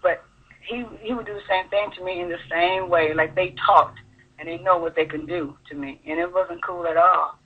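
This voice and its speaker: Husky woman on a tinny phone line. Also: fairly low pitch, fairly even intonation. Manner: halting, earnest, full of fillers. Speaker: caller sharing her story. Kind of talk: personal testimony on call-in radio. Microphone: telephone.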